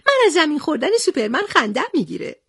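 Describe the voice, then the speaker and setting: Woman putting on a squeaky, jumpy little boy. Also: very animated, dry recording, studio quality. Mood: eager. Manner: high, quick and eager. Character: small excitable boy hero, jumpy.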